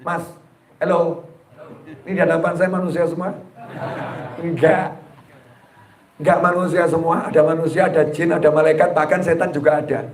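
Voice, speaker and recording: Joking preacher in an echoing hall. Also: male voice, a little high, level tone. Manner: jokey, addresses the audience directly, acts out quoted people; breaks words across pauses, then finishes them. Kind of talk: humorous religious sermon to a live audience. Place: gathering hall with a live audience. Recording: roomy, echoing hall sound.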